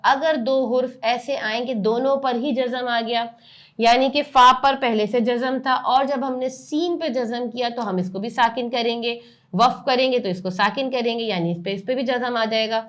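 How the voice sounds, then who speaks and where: ایک خاتون قرآن پڑھنے کی استاد، جو الفاظ کے ہجے آہستہ آہستہ اور کھینچ کر بلند آواز میں پڑھتی ہے، پھر قواعد تیزی سے سمجھاتی ہے۔. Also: female voice, a little high, steady tone. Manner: slow, drawn-out loud recitation of syllables, then brisker explanations. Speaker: Quran reading teacher. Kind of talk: spelling-out Quran reading lesson.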